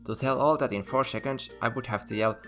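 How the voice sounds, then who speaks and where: A man's voice: mid-range voice, fairly quick. Man narrating a scripted explainer. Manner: steady explanatory delivery with numbered points. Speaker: channel host. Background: faint background music.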